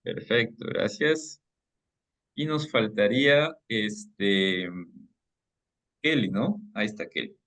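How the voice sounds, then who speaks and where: A man's voice: fairly low pitch, expressive, takes it slowly, long pauses, fairly bright tone. A man moderating an online reading club meeting. He talks in a friendly, chatty way, chuckles often and explains things at length.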